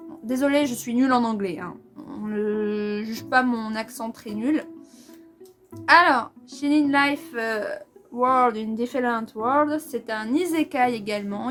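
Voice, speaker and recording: Chatty young Frenchwoman, higher voice. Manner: chatty and enthusiastic, slangy. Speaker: manga vlogger. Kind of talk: casual vlog chat.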